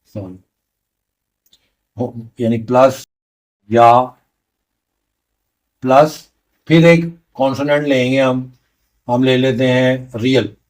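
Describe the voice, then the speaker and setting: A man's voice: mid-range voice, steady tone, takes it slowly, long pauses, darkish tone. A man teaching a beginner language lesson, patiently repeating each sound step by step. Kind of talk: slow explanatory lesson.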